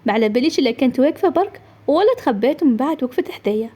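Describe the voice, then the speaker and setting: A young woman narrating her own story in a lively, conversational way. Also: high-pitched, racing, breathy edge. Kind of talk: first-person story narration.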